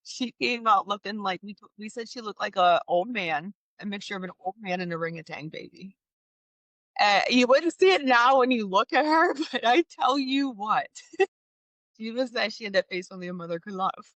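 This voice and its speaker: Bright-voiced chatty mother telling stories. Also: mid-range voice, moderate pace, no echo. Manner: animated, laughing, many restarts. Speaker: podcast guest. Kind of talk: candid storytelling chat.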